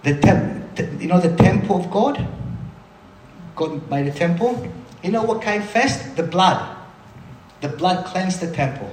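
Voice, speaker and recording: A man delivers a sermon in a fairly high voice, lively and talkative, pausing for quick asides. His voice rings through a roomy hall, with a faint hum of ambience behind it. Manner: animated, conversational preaching with asides. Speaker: preacher.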